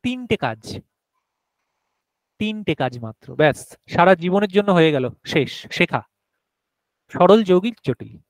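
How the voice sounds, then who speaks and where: A man's voice: high voice, very animated, measured pace, long pauses, no room sound, rough recording. A male teacher giving a grammar lesson to a class, explaining step by step and often asking whether everyone has understood.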